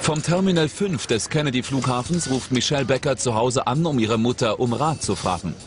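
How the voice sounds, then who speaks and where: A man narrating a documentary in a measured, suspenseful tone, his mid-pitched voice recorded cleanly in a studio. Dramatic music plays clearly beneath his scripted voice-over. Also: expressive.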